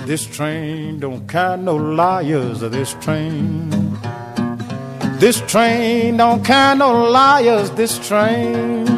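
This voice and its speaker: Old recording of a high-voiced male blues singer. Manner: repetitive chanted verses that leap up to high sung lines. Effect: old 1950s recording. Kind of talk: singing a blues song with guitar. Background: guitar.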